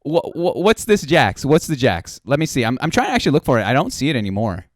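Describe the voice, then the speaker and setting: A man in his late twenties hosting a casual livestream interview in a playful, animated way, repeating phrases for emphasis, close on the microphone. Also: medium pitch, quick pace, no room sound. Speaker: interview show host. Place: small room at home. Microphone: close boom microphone with headset.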